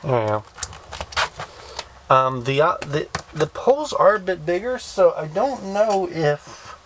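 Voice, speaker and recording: A man casually reviewing a toy, thinking aloud with halting restarts. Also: on the high side, big pitch swings, noisy background. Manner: hesitant, many fillers and restarts, thinking aloud.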